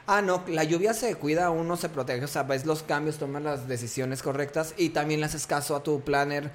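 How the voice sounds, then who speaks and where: A man's voice: a little high, normal speed. A man co-hosting a casual podcast, giving reassuring advice in a conversational way. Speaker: podcast co-host, wedding planner.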